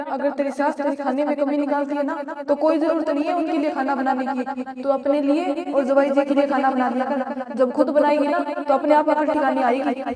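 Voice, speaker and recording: A woman's voice: sits high, level tone, normal speed, a little mellow, close to an everyday voice. A woman acting as a stubborn, meddling mother-in-law in a home-made family drama, scolding and complaining. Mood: insistent. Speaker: actor in a family skit. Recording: faint background music.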